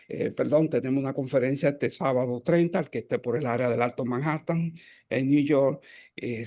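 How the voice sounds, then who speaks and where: A man's voice: mid-range voice, a little mellow. A man hosting a health program over a video call, making long announcements with many fillers and self-corrections. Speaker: host.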